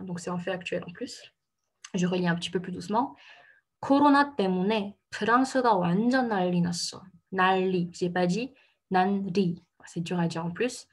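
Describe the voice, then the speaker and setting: A woman teaching pronunciation in a relaxed explanatory way, pausing with fillers and correcting herself. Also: medium pitch, slightly rough. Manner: patient, many fillers and self-corrections. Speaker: Korean language teacher.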